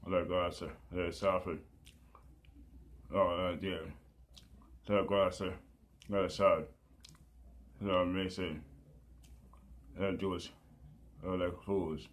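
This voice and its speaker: Male preacher, deep and monotone, halting repetitive prayer style, lots of fillers.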